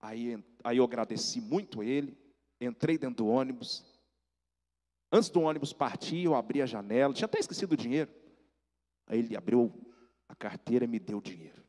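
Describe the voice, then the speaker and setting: A man with a Minas Gerais accent, an evangelist giving an animated testimony sermon and addressing listeners directly. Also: mid-range voice, fairly quick, long pauses, in a large hall. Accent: Minas Gerais Portuguese. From Brazil.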